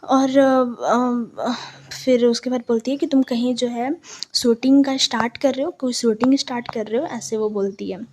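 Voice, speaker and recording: A woman teacher explaining a play to students. She reads lines aloud slowly, then retells them in a conversational way with frequent check-ins. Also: a little high, fairly even intonation, a little mellow, slight background noise.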